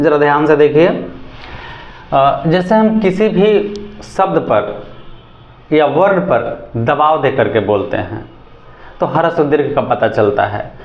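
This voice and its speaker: Male teacher in echoey room. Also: on the high side. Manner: repeats definitions, asks and answers himself. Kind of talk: classroom lesson. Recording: echoey room, dull sound.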